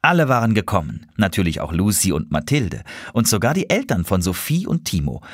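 Husky, expressive man reading a children's story. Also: on the low side, fairly quick, no room sound, studio quality. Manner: expressive, swooping read-aloud delivery.

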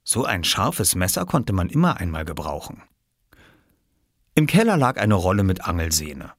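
A man narrates an audiobook in an expressive, storytelling style. His voice is low-pitched at a normal speed, recorded in studio quality with no room sound.

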